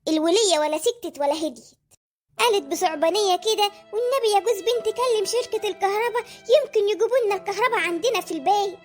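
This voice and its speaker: A squeaky cheeky Egyptian cartoon boy. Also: quick pace, soft background music. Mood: eager telling. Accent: Egyptian Arabic. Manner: boastful, chatty. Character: cheeky clever young boy, mother's son.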